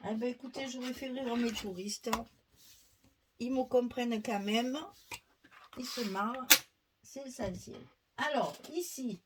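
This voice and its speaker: Woman, fairly high voice, casual talky craft host, light hiss behind. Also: a little slow, long pauses. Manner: chatty, thinks aloud, frequent fillers; laughs at herself. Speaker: scrapbooking tutorial host.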